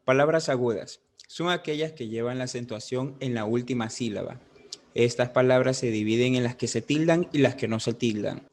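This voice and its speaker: A man's voice: medium pitch, moderate pace, a little mellow. Young man reading a class lesson. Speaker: student presenter.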